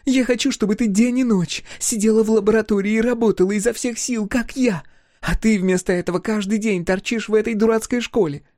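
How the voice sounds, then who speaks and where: A woman's voice: mid-range voice, fairly even intonation, brisk, warm tone, no echo, studio quality, voice pushed up, close to an everyday voice. A man voicing a fierce, bitter young woman scientist whose voice breaks in anger. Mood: accusing. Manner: cutting, angry, voice breaking.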